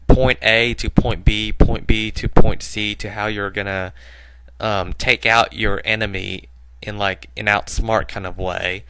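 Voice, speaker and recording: A man's voice: fairly low pitch, sharp tone, clear, resonant tone, no echo, poor audio. A man giving casual voice-over commentary over gameplay, with a naturally bored-sounding voice and a rambling, filler-heavy way of talking. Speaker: gaming video host.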